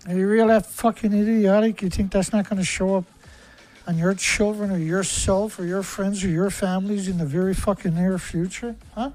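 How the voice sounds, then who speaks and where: A man's voice: high voice, darkish tone. Angry ranting man on a livestream. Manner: angry, profane, hammering rhetorical questions. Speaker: livestream host.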